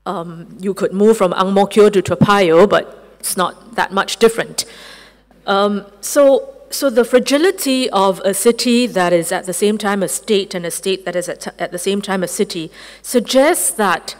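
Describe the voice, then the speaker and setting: A woman speaks to a panel audience in a raspy, hoarse voice, her words slightly muffled as if she has a lozenge in her mouth. Her pitch sits in a middle range. A long reverb trails after her in the hall. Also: moderate pace. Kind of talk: formal talk to an audience.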